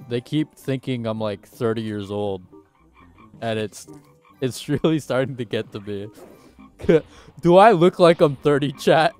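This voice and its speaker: A man in his twenties chats casually on a game livestream through a headset mic at his desk, rambling and laughing at himself. His voice is medium-pitched and a little mellow.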